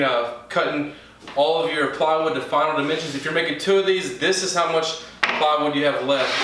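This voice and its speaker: A man, a woodworking channel host, giving relaxed, plain-spoken how-to narration with small self-corrections. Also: a little high. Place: home garage workshop. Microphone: camera mic from across the room. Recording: very echoey garage, distant mic, faint hiss.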